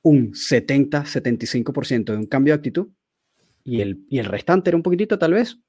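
A man's voice: medium pitch, animated, quick pace, darkish tone, breathy edge. A man, a dog trainer talking casually on a podcast, thinking aloud in loose, searching phrases.

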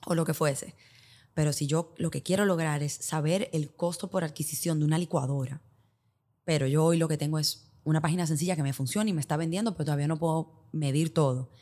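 A woman's voice: low-pitched, fairly quick, mellow. A woman with a Dominican accent explaining things as an expert podcast guest, in Spanglish that drops English business terms into her Spanish. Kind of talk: explanatory interview talk with hypothetical examples.

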